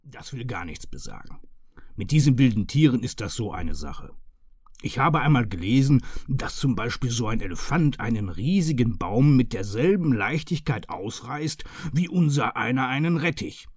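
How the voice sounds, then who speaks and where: A man plays a portly, crafty police chief in this storybook reading, his tone swinging widely from low mutters to lively jabs. The voice stays close and dry, wry and easygoing, with a sly edge under the calm. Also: moderate pace, husky, no room sound. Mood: musing. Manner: dry, wry, offhand murmuring. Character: stout, sly, jovial old chief inspector.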